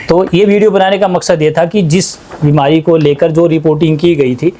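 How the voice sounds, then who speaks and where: A man's voice: on the high side, fairly even intonation, brisk, dark tone. A man working as an ayurvedic practitioner, speaking with emphatic, repetitive insistence in a small clinic. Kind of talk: earnest testimonial talk.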